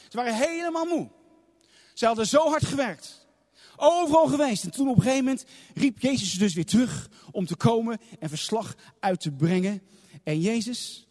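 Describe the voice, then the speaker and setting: Guy preaching a sermon, really high voice, keeps repeating stuff for effect, big echoey hall. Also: darkish tone. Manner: impassioned, repeats phrases for emphasis. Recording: long reverb of a large hall.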